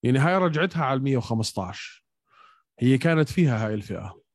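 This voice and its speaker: A man's voice: medium pitch, expressive, rapid-fire, no room sound, clean studio sound. A man with a Levantine Arabic accent co-hosting a casual sports chat, explaining technique in everyday words. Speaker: co-host of an MMA podcast.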